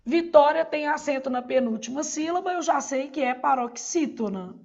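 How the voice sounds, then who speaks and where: A woman's voice: sits high, normal speed, creaky, a little mellow, highs cut off. A Brazilian woman teaching a Portuguese exam-prep lesson, asking questions and answering them herself. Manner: didactic, asks and answers her own questions.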